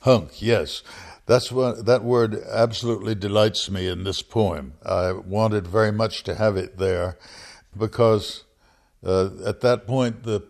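Slow, low-voiced older man, measured and hesitant. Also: steady tone, gravelly, darkish tone. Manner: measured, hesitant, with frequent pauses and fillers. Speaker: poet being interviewed. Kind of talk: reflective interview answers and poetry reading.

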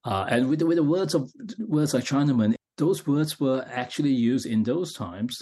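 Middle-aged male author from Malaysia, husky voice, mid pitch, halting, reflective interview answers. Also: mellow. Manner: halting, many restarts and fillers. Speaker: novelist being interviewed.

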